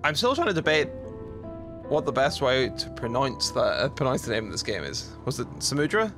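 A man chats his way through a video game, rambling through asides and laughing easily at what he sees. His voice sits at an ordinary middle pitch. Soft game music plays underneath him. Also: very animated, fairly quick. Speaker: streamer. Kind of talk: let's play commentary.

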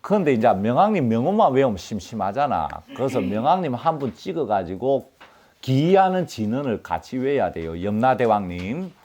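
A middle-aged man giving an informal Buddhist dharma talk, explaining mantras and chanting them slowly, with chatty asides. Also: medium pitch, big pitch swings, dark tone. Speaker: Buddhist lecturer.

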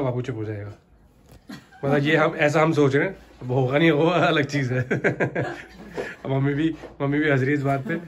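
A man's voice: mid-range voice, slight background noise. A man narrating a casual family vlog at home, chatty and doting, talking to his baby in between. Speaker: vlogger. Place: home, indoors.

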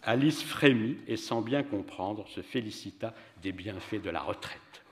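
Low-voiced man reading aloud in a hall. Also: unhurried. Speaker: reader at a literary event. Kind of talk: public reading of a story. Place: venue hall for a public reading. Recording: reverberant hall.

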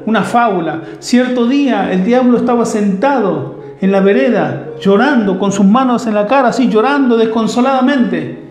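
A man's voice: sits high, darkish tone, roomy sound. A man preaching a sermon as pastor, emphatic and full of rhetorical questions.

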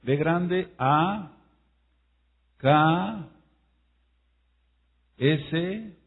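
A man preaching a sermon to his congregation, emphatic, his voice rising and falling, slowing down to spell out words. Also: fairly high pitch, expressive, creaky, breathy edge. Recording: echoey hall over a tinny phone-like line.

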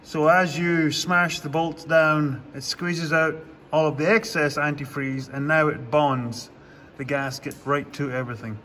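A fairly high-voiced man walks through a tractor repair in an unhurried, plainspoken drawl, slipping in dry sarcastic asides. His voice rings off the walls of a farm workshop, with long reverb and a faint background hum. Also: fairly even intonation, sharp tone. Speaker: farmer doing his own repairs. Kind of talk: casual how-to vlog narration.

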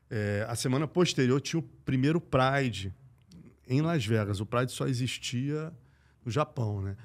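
A middle-aged man with a Brazilian accent, a guest telling a sports story in slangy, profane speech. He swings between loud and hushed and acts out the voices in his quotes. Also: medium pitch. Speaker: podcast guest, combat sports journalist. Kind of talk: animated anecdote telling.

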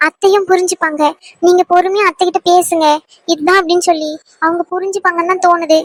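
A woman voicing a gentle young woman who is anxious and guilt-ridden about her coming marriage, speaking softly and apologetically. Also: extremely high pitch, fairly even intonation, quick pace, dry recording. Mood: pleading. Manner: soft, pleading, apologetic. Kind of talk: fan dub of a serial scene.

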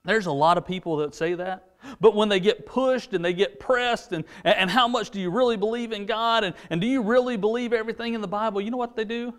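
A man in his forties with a high-pitched voice leads a children's church lesson from a pulpit. He tells the story animatedly and often restarts his sentences, speaking into a lapel mic on a studio set. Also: a little fast, fairly bright tone, clean tone. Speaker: junior church preacher.

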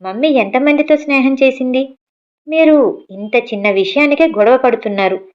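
Earnest college girl, a bit high and pushy, woman narrator doing her, dull lo-fi audio. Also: normal speed, darkish tone, natural voice. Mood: firm. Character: college-age daughter, pleading and firm.

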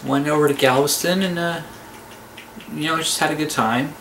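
A man in his forties giving a relaxed, offhand voice-over recap of a trip from a small room at home. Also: fairly high pitch, normal speed, very noisy. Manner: relaxed, offhand, trailing fillers. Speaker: vlogger.

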